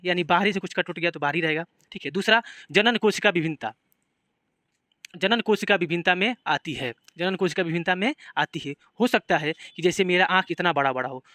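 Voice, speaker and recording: A man's voice: high voice, sharp tone, no echo. A man with a Bihari Hindi accent teaching a biology class, explaining in simple terms and putting repeated questions to his students. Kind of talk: classroom lecture.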